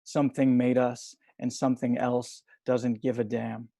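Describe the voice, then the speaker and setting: A young man reading poetry over a video call from home, soft-spoken and hesitant between poems. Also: mid-range voice, level tone, measured pace, creaky, dry recording. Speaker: poet reading at a livestream.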